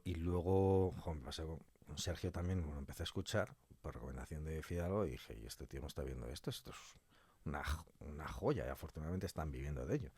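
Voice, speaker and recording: Speaking in a bass voice that's a little mellow and husky, a Spanish-accented man from Spain talks colloquially as a podcast guest. He's an audio fiction scriptwriter being interviewed, and he tends to repeat phrases to stress a point. There's no room sound on the recording.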